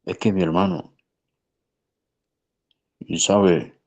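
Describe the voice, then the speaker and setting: A man's voice: low voice, very animated, very slow, creaky, a little mellow, slightly rough. A man, a pastor, telling a story in conversation in an earnest, emphatic way. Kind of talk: preaching in conversation.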